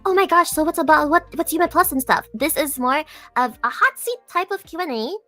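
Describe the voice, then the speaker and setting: A woman's voice: sits high, lively intonation, a little fast, pushed and bright. A young woman chatting casually on a livestream as host, playful, giggly and flustered like a bubbly gamer girl. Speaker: stream host and virtual streamer. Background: music.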